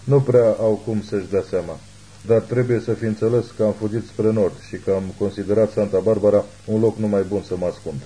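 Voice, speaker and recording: A man's voice: on the low side, steady tone, warm tone, lightly acted, poor audio. A man voicing a tense, hunted man fleeing with his family, terse and commanding.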